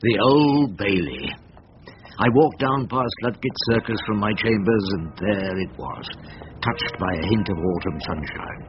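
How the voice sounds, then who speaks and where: Playing a garrulous, wry old English barrister who quotes poetry and shows little reverence, an older man with an English accent narrates in first person for a radio drama. His fairly low voice is animated and measured, rambling theatrically with a dry, ironic wit, in a dull, noisy recording.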